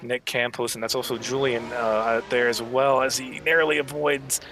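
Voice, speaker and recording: A man's voice: mid-range voice, level tone, normal speed, a bit bright, poor audio. A man giving conversational live motorsport commentary as a co-commentator, a bit hesitant as he pieces the action together. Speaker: motorsport co-commentator in an online sim racing broadcast.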